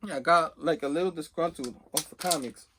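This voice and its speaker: Over a noisy background, a middle-aged man who runs a comics collecting video channel tells a casual personal story a little fast, in a slightly high voice. He rambles as if chatting and acts out pieces of dialogue from memory.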